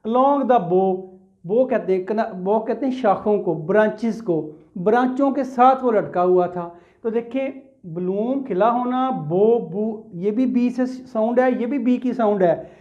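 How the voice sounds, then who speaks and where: A man's voice: high voice, measured pace, lo-fi sound. A man with a Pakistani accent teaching English grammar in a classroom lecture. He talks patiently, asks questions and answers them himself, calls his students "beta" and mixes English terms into his explanation.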